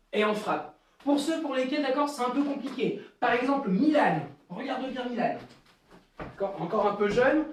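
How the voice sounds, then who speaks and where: A man teaching an online karate class, calling counts and kiai shouts between slow explanations. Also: very high voice. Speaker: karate instructor. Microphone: camera at a distance. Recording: echoey room, voice far from the mic.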